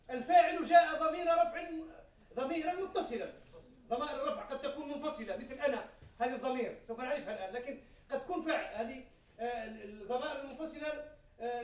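A man teaches grammar to a class, drilling examples over and over and quizzing his students. His voice sits very high and moves at a brisk pace. He is picked up from a distance, with the room's echo clearly around him. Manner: explains by repeating examples, asks the class questions, laughs now and then. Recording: echoey classroom from far off.

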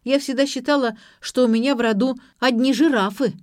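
A woman's voice: high-pitched, no room sound, clean studio sound, voice pushed up, natural voice. A woman putting on a sarcastic young student girl. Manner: mocking, quick retorts.

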